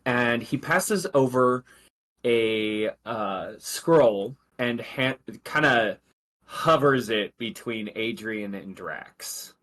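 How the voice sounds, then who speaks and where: Slow-talking male game master. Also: medium pitch. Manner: relaxed, many fillers and hedges. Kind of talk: narrating a tabletop game on a live stream.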